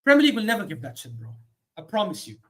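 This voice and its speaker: Male streamer calling a match live; excitable reactions, drops low then bursts out loud. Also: racing. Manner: excitable, swings from low muttering to sudden shouts. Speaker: host of a football watchalong stream.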